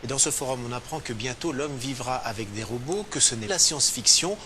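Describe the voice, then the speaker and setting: Male TV host, bright and crisp, direct interviewer. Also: medium pitch, lively intonation, slight background noise. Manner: brisk, direct questioning. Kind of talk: TV news interview.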